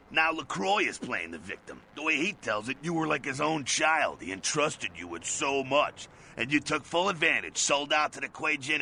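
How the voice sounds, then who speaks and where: A man voicing a gruff, streetwise male vampire helper in a video game, talking in an urgent, blunt and sardonic way. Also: medium pitch, bright, forceful tone, a little hiss or hum.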